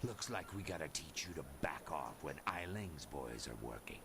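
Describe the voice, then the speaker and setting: An actor playing a menacing gang thug who taunts and threatens in a gravelly voice. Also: male voice, sing-song, normal speed, heavy background noise, full character voice. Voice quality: gravelly, very deep.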